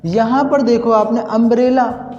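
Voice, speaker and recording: A man's voice: very high voice, steady tone, unhurried, a little mellow, soft background music. A man teaching English grammar in Hindi, repeating each point and asking his students questions. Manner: repetitive, quizzing himself with questions. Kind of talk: Hindi classroom lesson at a whiteboard. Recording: echoey room, dull lo-fi sound.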